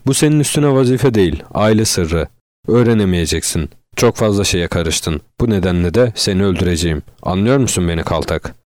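A man's voice: deep voice, animated, brisk, a little mellow, dry recording, clean studio sound. A man doing a growling cruel killer. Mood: menacing. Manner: growling, contemptuous. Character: menacing male serial killer, cruel, unstable.

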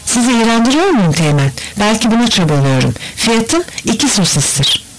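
A man's voice: high voice, sing-song, normal speed, noisy background, voice pushed up. A man voicing a bitter, defiant young widow in an audiobook, speaking in a cutting tone. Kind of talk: audiobook character voice.

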